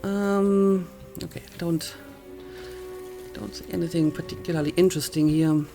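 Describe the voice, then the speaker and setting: A woman's voice: fairly low pitch, fairly even intonation, normal speed, creaky, music in the background. A woman giving casual let's play commentary, musing and thinking aloud as she goes.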